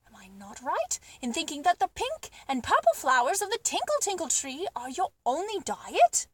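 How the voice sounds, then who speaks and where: A woman's voice: extremely high pitch, wildly swooping pitch, moderate pace, background noise, exaggerated voice. A woman voicing a hearty, generous, know-it-all Duke in a children's storybook, with a pompous, emphatic delivery. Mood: eager, knowing.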